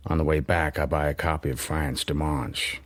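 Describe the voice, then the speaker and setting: An actor playing Tom, a watchful, worldly man in a radio drama, speaking in a measured, guarded way. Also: extremely low pitch, flat delivery. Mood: brooding, confiding. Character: Tom, watchful worldly man sheltering a runaway, narrating his thoughts. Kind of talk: radio drama narration and dialogue. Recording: music under the voice.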